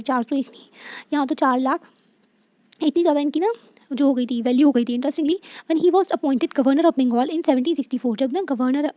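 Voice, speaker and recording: High-voiced woman teacher explaining a lesson. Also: dark tone, dry recording. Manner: reads textbook lines slowly, then explains in chatty Hindi with many check-ins. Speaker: history teacher. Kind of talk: explaining a textbook lesson to students.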